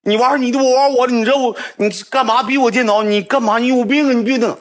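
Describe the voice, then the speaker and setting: A man voicing a furious young woman at an internet cafe who scolds in a shrill, high voice. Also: lively intonation, brisk, pushed and bright, husky, exaggerated voice.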